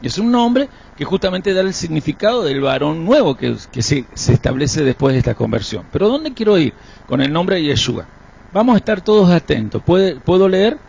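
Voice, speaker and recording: A man leading a live-streamed Bible class, explaining texts and checking understanding with quick rhetorical questions. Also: a little high, very animated, darkish tone. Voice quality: gravelly, husky. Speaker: Bible teacher. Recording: dull lo-fi stream audio.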